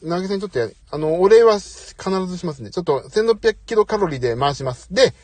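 A middle-aged man with a slightly high, husky voice chatting on a live audio stream. His pitch swings widely as he talks, and he keeps apologizing and joking at his own expense. The sound is dry and close, as if spoken into a phone. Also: lively intonation, quick pace, a little mellow, no echo. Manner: chatty, apologetic, self-deprecating. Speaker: host. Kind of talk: casual live audio chat. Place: parked outside, away from home.

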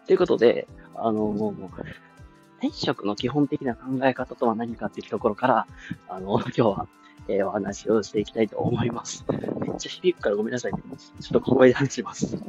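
A man in his twenties with a Kansai accent, chatting casually as a podcast host with lots of fillers. He talks outdoors, and his voice booms back in a strong echo. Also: animated, fairly quick, creaky, lo-fi sound, over music. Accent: Kansai Japanese. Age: 20s. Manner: rambling, filler-heavy, chatty. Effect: strong booming echo of a resonant outdoor spot. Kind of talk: casual solo talk. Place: outdoors, with passing motorbikes and cars.

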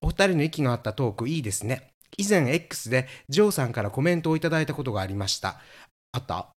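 A man's voice: mid-range voice, fast. A middle-aged man co-hosting a podcast, telling stories in a camp, playful way. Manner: camp, playful storytelling with animated swings. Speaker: podcast co-host. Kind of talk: casual chat.

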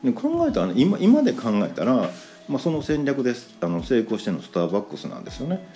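A man with a Kansai accent telling a story in a casual, animated podcast monologue, acting out the quoted lines. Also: medium pitch, fast talker, soft background music. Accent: Kansai Japanese. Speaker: podcast host.

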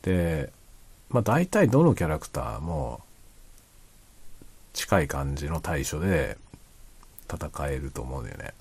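A man chatting casually and quietly late at night, rambling as he explains, often trailing into soft asides. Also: sing-song, measured pace, long pauses, slightly rough. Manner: quiet, low-voiced late-night talk. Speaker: streamer chatting to listeners.

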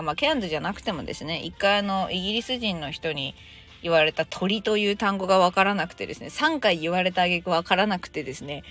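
A young woman talks through her solo podcast in a quick, chatty way. Her voice bounces freely up and down and breaks into laughing asides. Faint music plays softly behind her. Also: medium pitch. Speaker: podcast host. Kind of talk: casual solo podcast talk.

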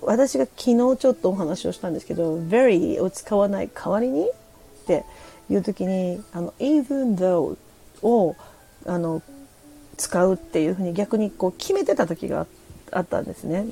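A woman's voice: mid-range voice, lively intonation, creaky, warm tone. A middle-aged woman from Japan hosting a casual solo radio chat, hesitant and laughing, reading listener comments. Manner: chatty, laughing, hesitant, switching between Japanese and halting English. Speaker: podcast host. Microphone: phone or desk mic on a streaming app.

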